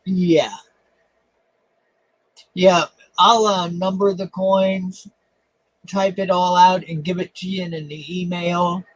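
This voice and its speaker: A man hosting a casual coin live stream, talking in a halting, self-deprecating way with lots of fillers. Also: sits high, little pitch movement, dry recording, rough recording. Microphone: webcam.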